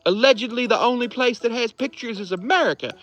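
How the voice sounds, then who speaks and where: A man's voice: very high-pitched, quick pace, fairly bright tone, dry recording, soft background music. A man delivering an emphatic monologue of absurd claims in an insistent way.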